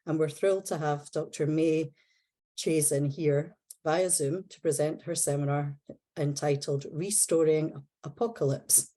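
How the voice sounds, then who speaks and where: A Scottish woman with a low, mellow voice opens an academic seminar and introduces the guest speaker. She speaks carefully, pausing now and then on fillers. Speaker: seminar host.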